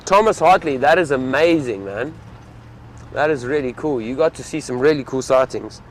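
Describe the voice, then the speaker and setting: A man's voice: mid-range voice, expressive, normal speed, slight background noise. A young man, a safari field guide, chatting casually and enthusiastically to live-stream viewers from an open vehicle outdoors.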